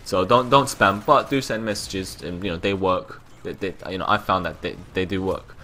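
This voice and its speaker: Rambling young London man, bright voice. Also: low-pitched, moderate pace, slight background noise. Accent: London English. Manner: rambling, repeats words, casual swearing. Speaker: gameplay commentator. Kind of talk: casual gameplay commentary.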